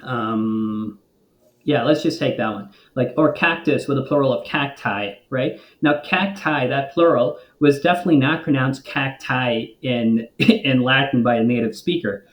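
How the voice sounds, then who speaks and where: Man, guest expert, mid pitch, patient explainer, roomy echo. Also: measured pace. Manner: thoughtful, many ums and restarts. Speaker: guest linguist. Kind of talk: explanatory conversation.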